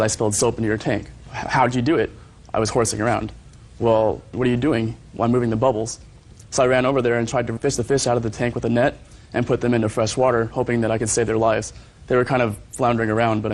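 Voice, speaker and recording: A man's voice: medium pitch, level tone, quick pace, a little mellow. A man giving polite, matter-of-fact courtroom testimony as a plaintiff.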